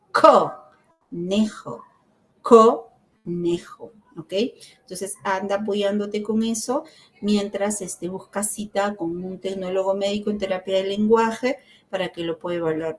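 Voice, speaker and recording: A middle-aged woman gives an online lecture as a speech therapy instructor. Her talk is explanatory and unhurried. She checks in with her listeners through frequent tag questions and pauses on fillers as she thinks. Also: mid-range voice.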